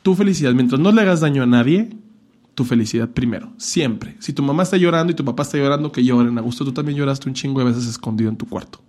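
A man's voice: mid-range voice, fast, darkish tone. A man with a Mexican accent talking casually and earnestly, giving blunt advice with campy, profane asides. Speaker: podcast guest telling his coming-out story. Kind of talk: casual chat.

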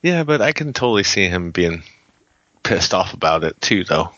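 Deep-voiced male podcast co-host, bright tone. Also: sing-song, normal speed, dry recording, dull audio. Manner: laid-back, frequent agreeing murmurs. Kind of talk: casual chat.

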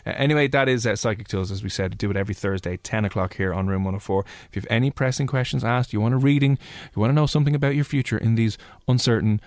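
A man's voice: fairly low pitch, rapid-fire, no room sound. Irish male radio host, close dry sound. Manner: rambling, self-interrupting. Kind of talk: casual live radio chat. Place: radio studio.

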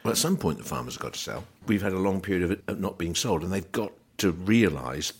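Deep husky man, wry rambling host, farm market chat. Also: expressive, a little fast. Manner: wry, rambling, mock-announcer asides. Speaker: host of a farming market talk.

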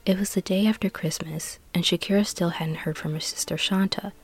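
A woman hosting and narrating true crime from a script, in a serious, measured storytelling manner. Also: on the low side, fairly even intonation, breathy edge, faint music behind.

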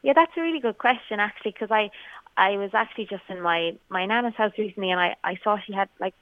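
A woman's voice: mid-range voice, quick pace, no room sound. A young woman with a west of Ireland Kerry accent, chatting casually as a singer-songwriter being interviewed. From County Kerry, Ireland. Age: young adult. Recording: thin phone-like radio call sound.

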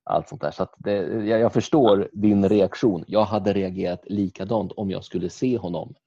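A man, chatting casually in a gentle, reflective way. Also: low-pitched, husky, dry recording. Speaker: podcast co-host. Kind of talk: casual chat. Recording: dull lo-fi sound.

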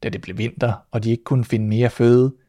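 A man reading a fairy tale aloud in a calm, measured storytelling voice as host of his podcast. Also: medium pitch, no room sound, clean studio sound.

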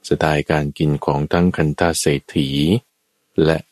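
A man preaching a Buddhist sermon as a lively story, addressing his listeners and acting out the characters. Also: moderate pace, no room sound. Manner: lively storyteller, acts out quoted characters with sudden high shouts. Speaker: dharma preacher.

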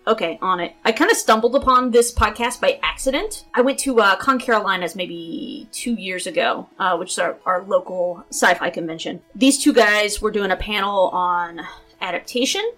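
A woman's voice: mid-range voice, moderate pace, a bit bright, faint music behind. A woman from Tennessee with a Southern Tennessee accent, chatting casually on a podcast in a rambling, self-interrupting way. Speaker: podcast guest or panelist.

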